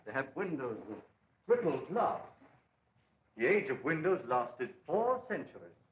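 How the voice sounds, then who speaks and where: A man's voice: fairly high pitch, big pitch swings, measured pace. An old reminiscing great-grandfather. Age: older. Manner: mild, reminiscing storytelling. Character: gentle old great-grandfather recalling the past. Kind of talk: 1930s film acting. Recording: dull lo-fi 1930s film soundtrack.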